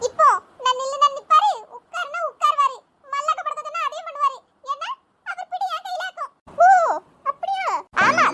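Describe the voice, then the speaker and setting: A woman voicing chatty village women in an animated cartoon comedy, in a squeaky sped-up tone. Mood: laughing gossip. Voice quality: very high, sped-up chipmunk-like tone. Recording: loud background hiss.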